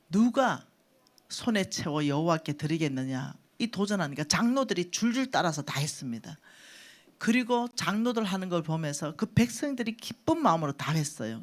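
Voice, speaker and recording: A woman church elder, preaching a storytelling sermon, acting out her own thoughts and laughing as she tells the stories. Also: on the low side. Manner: animated, acts out her own quoted thoughts; laughs while telling stories.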